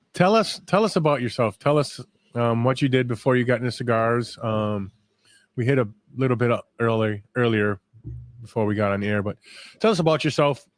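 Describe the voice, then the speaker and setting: A man co-hosting a podcast, joking and relaxed as he asks the guest questions. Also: mid-range voice, no room sound. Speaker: podcast co-host. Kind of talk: casual podcast chat.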